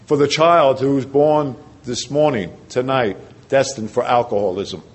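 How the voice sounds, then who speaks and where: Speaking to a packed convention hall, an older New Jersey man tells his own recovery story as personal testimony, his voice at an ordinary middle pitch, unhurried and slightly rough. He keeps it conversational and pokes fun at himself, then sinks low and quiet whenever a point really matters.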